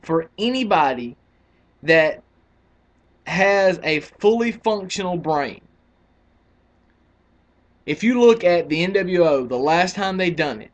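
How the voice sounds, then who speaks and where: Young man, slightly high voice, argumentative vlog rant, rambling, restarts sentences. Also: lively intonation, slow pace, long pauses. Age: 20s. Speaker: wrestling vlogger. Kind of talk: casual rant to camera.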